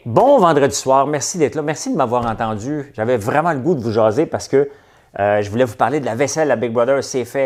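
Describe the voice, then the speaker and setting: This livestream host, whose accent is Québécois French, has a medium-pitched, darkish voice. His casual chat wanders and halts, full of hesitations.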